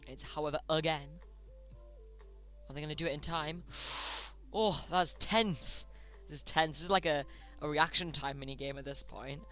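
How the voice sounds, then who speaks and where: Bright chatty streamer running a chat game, trips on words a lot, bit of music in the back. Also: medium pitch, moderate pace. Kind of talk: casual live-stream commentary.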